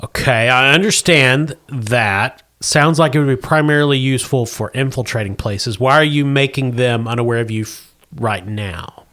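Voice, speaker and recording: A man narrating as game master of a tabletop game, brisk and playful, chuckling through his rulings. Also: medium pitch, a bit bright.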